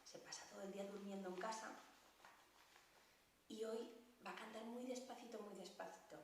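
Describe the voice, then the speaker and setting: A woman's voice: medium pitch, steady tone, moderate pace, slight background noise. A woman music teacher leading a playful children's lesson with animal puppets, recorded from a distance in a very echoey room.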